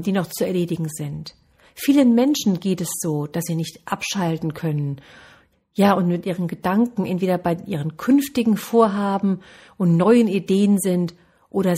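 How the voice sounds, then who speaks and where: Low, husky-voiced woman coaching listeners. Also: mellow. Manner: earnest, encouraging, speaks directly to listeners. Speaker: success coach. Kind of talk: motivational talk.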